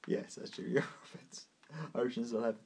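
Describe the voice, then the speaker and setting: Male podcast co-host, playful ribbing banter, average pitch. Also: monotone, creaky, warm tone, slight background noise. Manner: teasing, quick-witted banter. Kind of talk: casual chat.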